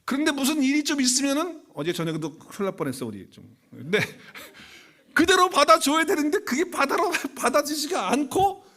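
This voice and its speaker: A man's voice: very high voice, big pitch swings, normal speed, bright, forceful tone. A male pastor preaching a Sunday sermon in a conversational, storytelling way. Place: church sanctuary.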